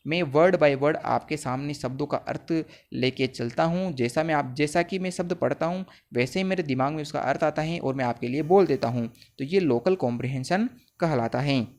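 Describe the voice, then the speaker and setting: Guy teaching exam answers, slightly high voice, slow on the english bits. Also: a little mellow. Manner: reads English phrases slowly, then explains in Hindi. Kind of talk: exam paper lesson explaining answers.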